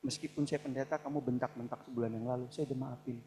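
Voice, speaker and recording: A male pastor preaching a live church sermon, acting out quoted people and swinging between soft asides and loud, emphatic peaks. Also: mid-range voice, steady tone, quick pace, a little hiss or hum. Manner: acts out quoted people in shouted or pleading voices. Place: church hall, live service.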